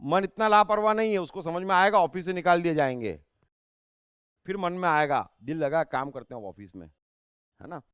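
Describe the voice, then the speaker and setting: A man, a spiritual speaker and life coach, gives an emphatic discourse full of rhetorical questions and sharp asides. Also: on the high side, moderate pace, clean tone, no echo, studio quality.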